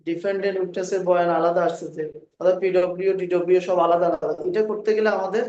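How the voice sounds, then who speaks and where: A male law lecturer with a Bangladeshi accent, giving a classroom lecture, dictating legal phrases slowly and often checking that students follow. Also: high voice, flat delivery, a little mellow. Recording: distant, echoey, dull room recording.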